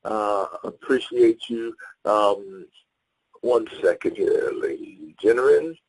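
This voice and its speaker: A man giving an excited motivational talk on a phone call from his home office, repeating words as he goes. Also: on the low side, slow. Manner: excited, repeats words often, says "y'all". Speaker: guest speaker on a sales call. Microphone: phone or conference line. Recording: echoey, far from the mic.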